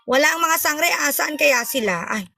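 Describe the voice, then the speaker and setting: A woman's voice: high-pitched, lively intonation, moderate pace, gravelly, bright, forceful tone. A young woman hosting a live stream, chatting playfully and teasing viewers, mixing in English phrases. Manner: playful, teasing, switches between Tagalog and English.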